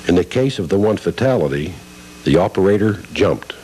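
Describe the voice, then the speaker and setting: A man's voice: sits low, expressive, normal speed, darkish tone, breathy edge, low-quality recording. A man reading formal scripted narration for a safety video, heard from a worn VHS tape copy. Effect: worn VHS tape copy with faint hiss and hum.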